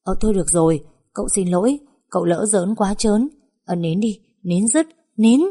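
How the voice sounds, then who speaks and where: A woman's voice: medium pitch, moderate pace, mellow, husky, natural voice. A woman voicing the teasing young master of a rich household, who coaxes one moment and probes coldly the next. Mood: coaxing. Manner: teasing, then coldly probing.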